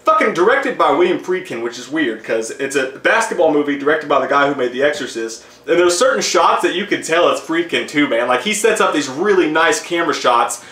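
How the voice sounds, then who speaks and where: A young man chats as an enthusiastic, foul-mouthed review co-host. His voice sits fairly high with a bright, sharp edge, in an echoey home room. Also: very animated, fairly quick, few pauses. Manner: enthusiastic, heavily profane. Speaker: movie and food review co-host. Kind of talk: casual review chat. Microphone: shared tabletop microphone. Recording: roomy home recording.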